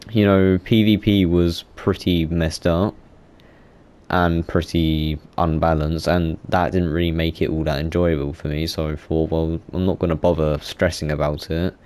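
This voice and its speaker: A man's voice: low-pitched, darkish tone. A young man, casually talking about video games in a rambling, self-correcting way with many fillers. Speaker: gaming YouTuber. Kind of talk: casual gaming monologue.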